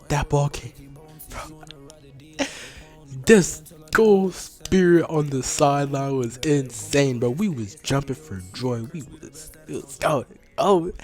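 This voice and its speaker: A young man giving casual, slangy, excitable commentary on his old game footage. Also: mid-range voice. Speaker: vlogger.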